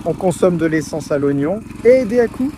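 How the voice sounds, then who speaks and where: Casting: man with a high, very lively voice for casual banter, given to insistent repeated commands. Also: moderate pace, background noise. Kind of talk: casual banter among friends.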